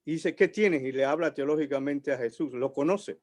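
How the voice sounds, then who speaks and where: A man preaching a sermon in a church, slow and emphatic, building on repeated phrases. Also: mid-range voice, steady tone, darkish tone. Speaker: pastor.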